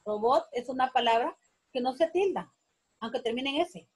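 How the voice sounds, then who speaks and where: A woman teacher explaining spelling to pupils, patient and deliberate, repeating each word and pausing to correct herself. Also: high-pitched, breathy edge, poor audio. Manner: slow, patient, repeating words syllable by syllable. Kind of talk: classroom lesson on accents.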